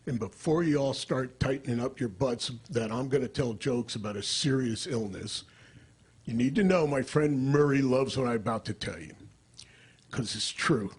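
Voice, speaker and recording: An older man performing stand-up comedy into a stage microphone, deadpan and dry, jumping into character voices. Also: medium pitch, normal speed, husky.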